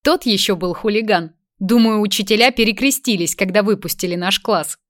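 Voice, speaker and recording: A woman's voice: medium pitch, fairly quick, no echo, studio quality, close to an everyday voice. A woman reader voicing a flustered young mother who answers tensely and defensively in an audiobook. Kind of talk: audiobook character voice.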